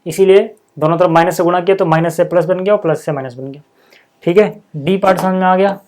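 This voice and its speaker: A man walks through maths problems one step at a time in a relaxed, talkative teaching voice, pausing often to check that everyone is following. He keeps things informal and friendly with the viewers, like a tutor talking a class through homework. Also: high voice. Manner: chatty, checks in with "thik hai" after each step; addresses viewers informally as "bhai sahab" and "yaar". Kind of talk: casual step-by-step lesson.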